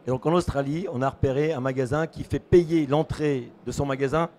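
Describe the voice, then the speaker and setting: A man with a hoarse voice, a consultant speaking on a panel and explaining with many fillers. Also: mid-range voice, fairly even intonation, brisk, a little mellow. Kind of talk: panel discussion.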